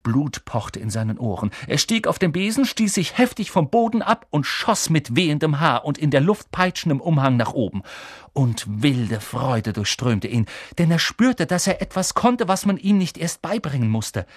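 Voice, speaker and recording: A male audiobook reader narrating with animated delivery. His voice sits a bit high and moves lively through its range. The sound is dry and close to the mic. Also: normal speed, dry recording. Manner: animated storytelling. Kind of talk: scripted narration.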